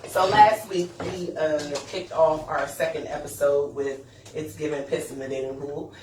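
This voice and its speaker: A woman's voice: deep voice, steady tone, moderate pace, darkish tone. A woman hosting a podcast in a casual, laughing, chatty way, full of fillers. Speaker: podcast host. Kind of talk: casual chat. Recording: echoey room, distant mic, background noise.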